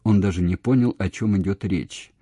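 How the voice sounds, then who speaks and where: A man reading literary prose aloud in a quiet, measured, expressive way. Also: low voice, husky, dry recording, studio quality. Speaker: audiobook reader. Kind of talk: literary narration.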